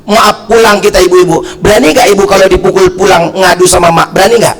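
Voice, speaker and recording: A middle-aged male preacher from North Sumatra giving a lively sermon, telling stories and acting out the voices of the people in them. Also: sits high, fast talker. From North Sumatra, Indonesia. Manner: animated storytelling, acting out voices of people in anecdotes; loud, shouting emphasis.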